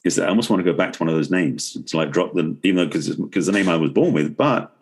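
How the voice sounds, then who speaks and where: The speaker is an English-accented, middle-aged man from England, an author and relationship expert appearing as a guest on a relaxed podcast. He talks reflectively and fast in a low-pitched, husky voice.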